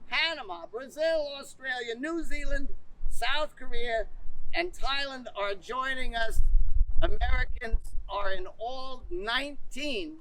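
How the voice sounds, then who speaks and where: High, bright man proclaiming like a town crier. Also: rough recording. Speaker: master of ceremonies. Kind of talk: formal ceremonial public address. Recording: live public address with background noise.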